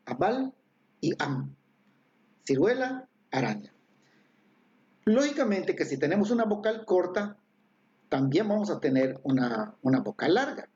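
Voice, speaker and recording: A man's voice: a little high, a little mellow, highs cut off. A man teaching an online language lesson, explaining patiently with many fillers and tag questions.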